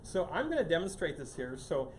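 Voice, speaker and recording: A guest speaker on climate science gives a live public lecture to a small audience in a meeting room, talking briskly in a casual, rambling style full of restarts and constant use of the word "here." His fairly high voice is captured from a distance in an echoey room with steady background noise.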